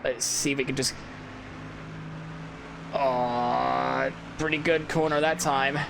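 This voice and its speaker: A man's voice: mid-range voice, steady tone, slow, gravelly. A sleepy, tired man giving casual let's-play commentary, self-critical and rambling with many restarts. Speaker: gameplay commentator. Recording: loud game engine noise behind. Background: racing game engine noise.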